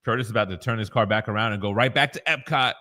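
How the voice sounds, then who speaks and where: A man in his thirties co-hosting a live stream, casually chatting and reading viewer comments aloud in a relaxed, joking way. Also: fairly low pitch, very fast. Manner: reads chat comments aloud, laid-back and joking. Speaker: co-host.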